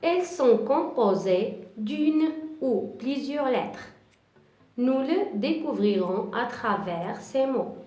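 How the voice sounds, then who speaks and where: A woman teacher giving a reading lesson to young children, patiently repeating each syllable slowly and clearly. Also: a little high, animated, warm tone. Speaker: kindergarten teacher. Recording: echoey room, voice from far off, faint music.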